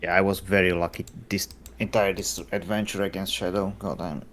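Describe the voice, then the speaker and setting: Male tabletop gamer, conversational delivery, slightly deep pitch, light noise behind. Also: little pitch movement, brisk, a bit bright. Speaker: tabletop game player. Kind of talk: casual game-table chat.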